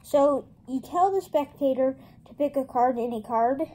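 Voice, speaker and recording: A woman presenting a casual step-by-step tutorial, explaining things in an informal, halting way. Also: high voice, dark tone. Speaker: presenter of a card trick tutorial.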